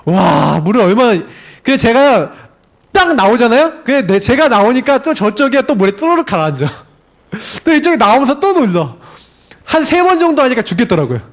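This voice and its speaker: Lively, high-voiced Korean pastor preaching. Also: male voice, moderate pace. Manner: animated storytelling with laughs and acted-out cries. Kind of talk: sermon.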